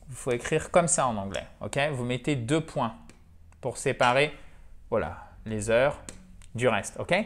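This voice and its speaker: A man teaching English in French, explaining step by step and slowing down to stress model English phrases. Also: mid-range voice. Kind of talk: French-language English lesson.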